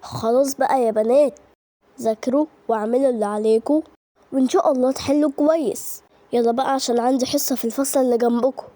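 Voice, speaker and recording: A woman's voice: high-pitched, fairly even intonation, fast talker, warm tone, dry recording, pitched below the performer's own voice, close to an everyday voice. A woman doing a firm Egyptian schoolteacher man. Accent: Egyptian Arabic. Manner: firm, lecturing. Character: strict adult male schoolteacher. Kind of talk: storybook narration voices.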